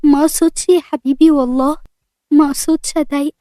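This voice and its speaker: Brief: a woman storyteller doing a sick young bride, gentle and reassuring, mellow and close. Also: sits high, fairly even intonation, fast talker, no echo, voice pushed up, close to an everyday voice. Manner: soft, reassuring. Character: young woman, ill bride hiding her sickness.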